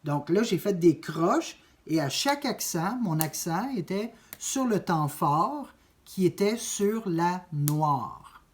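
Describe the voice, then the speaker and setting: A man's voice: sits high, lively intonation, takes it slowly. A man teaching a drum lesson, explaining note values step by step and counting beats aloud. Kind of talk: music lesson.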